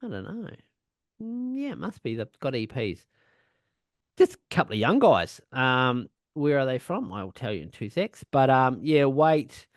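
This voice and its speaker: A man's voice: mid-range voice, big pitch swings, moderate pace, no echo, clean studio sound. A man co-hosting a punk podcast in casual chat, rambling, swearing a lot and laughing often. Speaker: podcast co-host.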